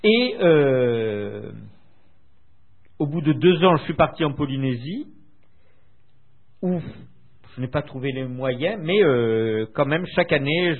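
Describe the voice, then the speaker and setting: An older French man being interviewed, recalling his past in a hesitant way with many filler pauses, heard over a tinny phone line. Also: medium pitch, slightly rough. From France. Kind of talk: recounting memories in conversation.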